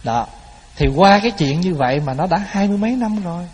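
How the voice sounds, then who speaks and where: A man's voice: high voice, animated, fast talker, breathy edge. A man giving a Buddhist dharma talk, telling stories in a folksy way and addressing his listeners directly. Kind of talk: sermon. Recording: hall with long reverb.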